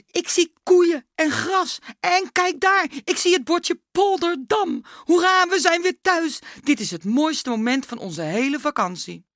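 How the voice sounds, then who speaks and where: A woman voicing an excitable grown man, a boy's father, with loud exclamations. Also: fairly high pitch, moderate pace, hardly any pauses, no echo, studio quality, pitched above the performer's own voice. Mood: excited.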